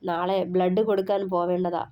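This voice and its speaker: A woman voicing a caring young man who coaxes and gently teases his partner in an audio story. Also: fairly low pitch, little pitch movement, fairly quick, close to an everyday voice. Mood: coaxing. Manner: coaxing, gently teasing.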